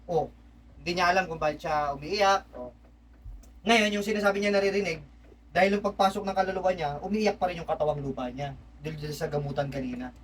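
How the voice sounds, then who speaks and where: A man's voice: on the high side, steady tone, fast talker. A man working as a spiritual healer, insistently questioning a spirit and then explaining the session to onlookers. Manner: insistent, presses with repeated "ha?". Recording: distant mic with faint background noise.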